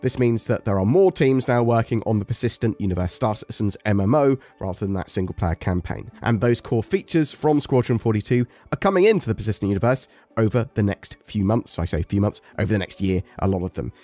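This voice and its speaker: A man's voice: on the low side, a little fast, darkish tone. A man hosting a casual gaming update commentary, ill and talking through soreness, in an informal, rambling way. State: ill with covid, sore and painful to talk. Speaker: gaming video host. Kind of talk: casual scripted-notes commentary on game updates.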